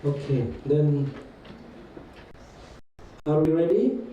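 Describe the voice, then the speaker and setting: A German-accented man teaching a class, friendly and teasing, speaking slowly and carefully. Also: fairly high pitch, lively intonation, dark tone, highs cut off, slight background noise. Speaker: guest teacher. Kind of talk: classroom talk. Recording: echoey hall from far off.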